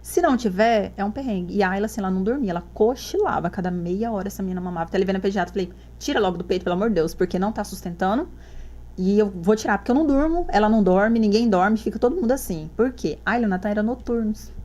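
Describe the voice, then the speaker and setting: A woman's voice: medium pitch, racing, a little mellow. A woman, a mother guest on a podcast, telling her story in casual chat and acting out the dialogue she quotes.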